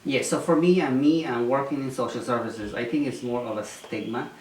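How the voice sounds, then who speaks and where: A man's voice: mid-range voice, fairly quick. A man from Guyana answering interview questions, speaking hesitantly with many ums and restarts. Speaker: interviewee, former mayoral candidate. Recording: roomy echo, distant mic, faint noise.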